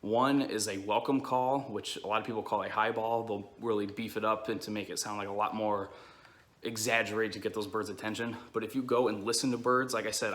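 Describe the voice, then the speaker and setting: Male, lowish pitch with a bright edge, casual tutorial delivery, plain-spoken explainer. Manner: informal, explanatory, frequent check-ins like "okay" and "all right". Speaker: duck-calling instructor.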